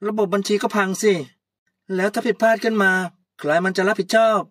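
A haughty young woman who bosses everyone around, as a woman puts her on. She talks loudly and high with a scolding bite. The one-voice audio drama is recorded close and dry. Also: a little fast, no room sound, close to an everyday voice. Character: arrogant young woman, a newly promoted boss.

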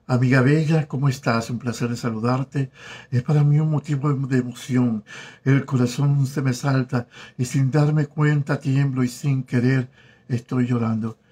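Here a former telenovela actor from Venezuela, a man in his 40s, hosts a live-stream chat at home in South Florida. His voice is husky, mid-pitched, and steady. Warm and flirtatious, he reads comments casually and pronounces viewers' names haltingly.

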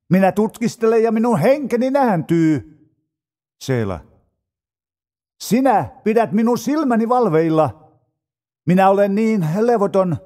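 A man reading psalms aloud in a slow, solemn manner, drawing out his phrases. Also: high voice, dark tone. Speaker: scripture reader.

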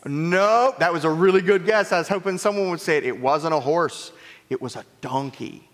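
A man leads a children's sermon in a church sanctuary, keeping it playful and quizzing the kids with many questions. His voice is fairly high and fairly bright, his pace moderate, and the church hall adds echo.

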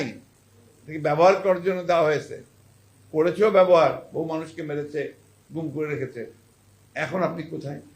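A man with a Bangladeshi Bengali accent giving an impassioned political speech to a crowd, swinging from loud emphatic peaks to low asides. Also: roomy sound. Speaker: political speaker addressing a rally.

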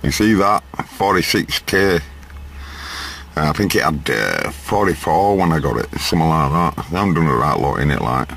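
Filming outdoors in a sunny garden, a home video maker chats and laughs to the camera, rambling casually between remarks. He has an animated, creaky bass voice with a bit of brightness, speaking at normal speed. The sound comes from an old camcorder's built-in mic.

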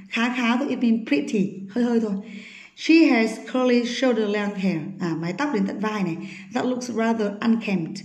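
A woman teaching an English vocabulary lesson. She reads English sentences slowly, explains them quickly and often asks her students check questions. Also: mid-range voice, dark tone, roomy sound.

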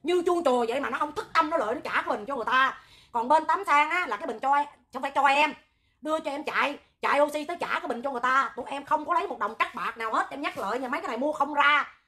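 A woman with a Southern Vietnamese accent hosting a livestream, talking loud, hot-tempered and animated, rambling with joking asides. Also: high voice, very fast. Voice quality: loud, piercing voice. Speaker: livestream host, charity oxygen volunteer. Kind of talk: livestream talk to viewers.

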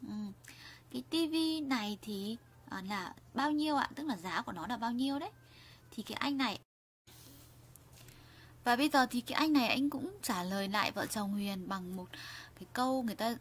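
A woman's voice: on the high side, slight background noise. Woman teaching grammar, lots of restarts. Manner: repeats and restarts often, asks the viewers questions. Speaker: Korean language teacher. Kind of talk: explaining grammar in a lesson.

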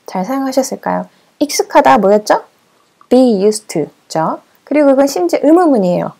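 A woman English teacher with a fairly high but mellow, warm voice. She gives short drill prompts and countdowns. She repeats each model sentence slowly and clearly. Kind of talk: language lesson with drills.

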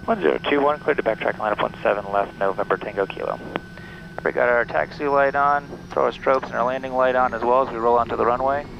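A bush pilot in his thirties, wearing a headset in a small plane's cockpit, calmly and methodically works through each checklist item aloud while narrating a cockpit vlog and making radio calls. He talks fast at a medium pitch with vocal fry, sounding a little muffled. A loud, steady engine hum underlies every word.

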